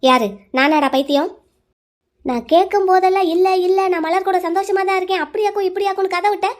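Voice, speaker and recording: A woman's voice: very high voice, fast talker. A woman voicing a protective older sister in a cartoon drama, scolding her younger brother bluntly. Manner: scolding, forceful.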